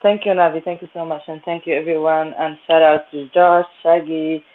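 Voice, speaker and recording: A woman in her twenties from Norway, sounding muffled and far away as if through a wall, giving thanks and shout-outs on a casual online call. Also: low voice, fairly even intonation, moderate pace. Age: 20s. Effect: muffled and distant, as if heard through a wall. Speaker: co-founder and guest speaker.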